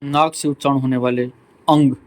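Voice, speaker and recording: A man's voice: medium pitch, fairly even intonation, normal speed, darkish tone, rough recording. A male teacher giving a pronunciation lesson, saying each sound aloud to demonstrate it.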